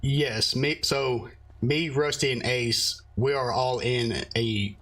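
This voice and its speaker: A man's voice: medium pitch, steady tone, slow pace, a bit bright. A man chatting casually over in-game voice chat with a laid-back, easygoing manner and hesitant fillers, on a headset mic. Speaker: roleplay streamer.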